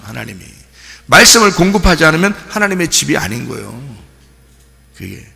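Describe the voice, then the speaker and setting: A male pastor preaching a sermon in a lively, animated way, firing rhetorical questions at his congregation and breaking into shouts. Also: medium pitch, vocal fry, in a large hall. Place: church sanctuary.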